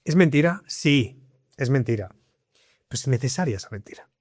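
A man explains things in a lively, conversational way, often repeating his point. He speaks at a middling pitch into a dry, close microphone with no room sound. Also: normal speed, no room sound. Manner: explanatory, lively, leans on repetition. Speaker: guest, communication coach. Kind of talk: conversational interview.

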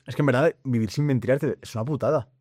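A man hosts the interview, talking quickly and casually. His voice sits at a middling pitch and comes through a dry, close studio microphone. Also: darkish tone, no echo. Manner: quick, casual, swears freely. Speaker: podcast host.

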